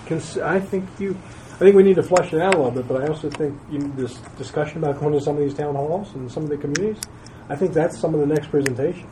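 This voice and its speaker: A man's voice: a little high, fast talker, warm tone, far from the mic, slight background noise, poor audio. A man working as a consultant, speaking agreeably in a meeting and thinking aloud with restarts. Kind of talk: casual meeting talk.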